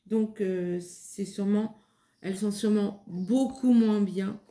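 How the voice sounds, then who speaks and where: Woman doing a craft demo, slow and halting, echoey room. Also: medium pitch, steady tone, warm tone. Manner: hesitant, many fillers and restarts. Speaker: craft video host. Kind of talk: casual craft demonstration.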